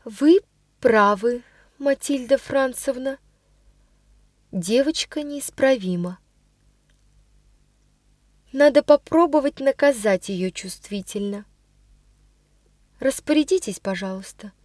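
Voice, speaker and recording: A stern aunt speaks in a cold, measured way and hands down orders, as a woman reading the story puts her on. Her tone is restrained and quiet. The sound is close and dry. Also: high voice, animated, dry recording, heavily acted.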